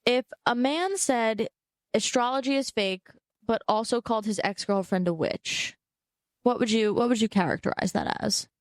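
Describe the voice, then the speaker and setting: A woman's voice: on the high side, moderate pace, no room sound, studio quality. A woman in her twenties co-hosting a podcast, telling stories in casual chat and laughing often. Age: 20s. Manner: animated storyteller, laughs often. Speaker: podcast co-host.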